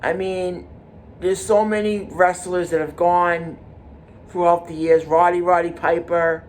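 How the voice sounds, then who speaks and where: A man of forty hosting his own podcast, talking in a halting, repetitive way with many restarts and fillers. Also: high voice, level tone, a little hiss or hum. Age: 40s. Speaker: podcast host. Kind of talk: casual monologue.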